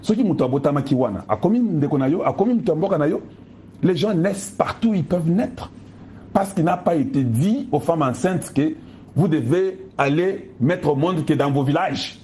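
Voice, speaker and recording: A political commentator from the Democratic Republic of the Congo, speaking with a Congolese French accent, delivers an impassioned monologue to viewers, emphatic and packed with pointed rhetorical questions. His voice is fairly high and mellow, with lively intonation and a moderate pace, over slight background noise.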